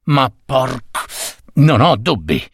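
A man voicing a gruff, grumpy middle-aged male print-shop boss who talks in a curt, weary growl. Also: mid-range voice, very animated, slow pace, no room sound, studio quality, full character voice.

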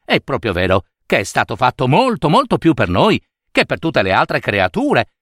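A man's voice: mid-range voice, normal speed, dry recording, studio quality. A man voicing an eager, impulsive older mother snail in a storybook reading. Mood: excited. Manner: excited, wistful.

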